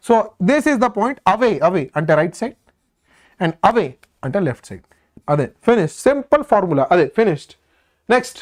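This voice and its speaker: A physics teacher with a Telugu accent giving a lively classroom lesson, repeating phrases insistently and prodding students with questions. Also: mid-range voice.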